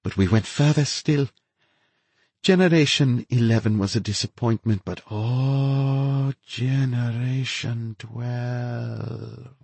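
A man voicing a feverish, unhinged woman scientist who gloats in a high, breathy, lilting voice. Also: measured pace, darkish tone, no room sound. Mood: gloating.

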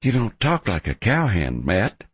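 A man voicing a spirited young ranch woman in an audiobook, guarded yet tender, with a lightened husky voice and an earnest, protesting manner. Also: fairly low pitch, wildly swooping pitch, a little slow, dry recording, voice pushed up, full character voice. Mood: concerned, curious. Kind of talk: audiobook character dialogue.

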